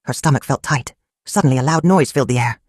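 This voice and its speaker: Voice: mid-range voice, fast, no echo, studio quality. Storyteller in short clipped sentences. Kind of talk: scripted folktale narration.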